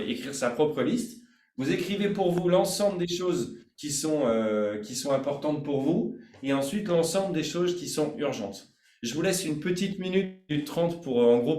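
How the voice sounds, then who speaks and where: A man's voice: fairly high pitch, a little mellow, roomy sound. A man hosting a live online sales training, chatty and informal, hesitating often with fillers.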